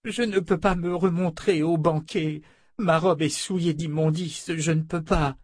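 A man voicing a terrified, sobbing noblewoman who pleads in a high, trembling voice, in an audiobook. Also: steady tone, a little slow, dry recording, clean studio sound. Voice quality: tearful, trembling, high falsetto. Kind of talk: audiobook character voice.

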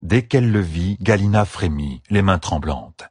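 Male audiobook narrator, low voice, lively intonation, expressive scripted reading. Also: moderate pace, husky, no room sound, clean studio sound.

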